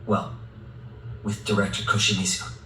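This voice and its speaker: A man's voice: fairly low pitch, completely flat delivery, moderate pace, bright, forceful tone, slight background noise. A male actor voicing an earnest, determined young man in a video game, speaking sincerely and resolutely. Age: young adult. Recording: echoey, distant sound under music.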